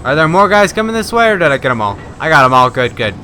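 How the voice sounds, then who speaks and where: A young man commenting casually on a horror game as he plays, rambling and shouting during fights. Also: fairly high pitch, fast, slight background noise. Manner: rambling, excitable, yells at fights. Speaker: gaming YouTuber. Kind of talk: let's play commentary.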